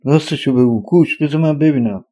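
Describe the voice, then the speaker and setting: A man's voice: on the high side, mellow, voice pushed up, close to an everyday voice. A man doing an anxious village mother. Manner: urgent, demanding questions.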